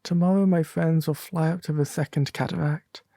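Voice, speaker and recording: A man voicing a kindly, earnest little swallow in a storybook, soft and breathy, wistful and gentle. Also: a little high, steady tone, normal speed, dry recording, studio quality. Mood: dreamy.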